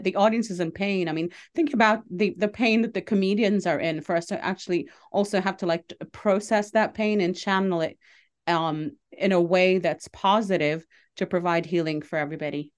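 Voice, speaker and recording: This middle-aged comedian and show producer from Lebanon speaks at a medium pitch. She handles interview questions in a sincere, talkative way, laughing readily and using many fillers.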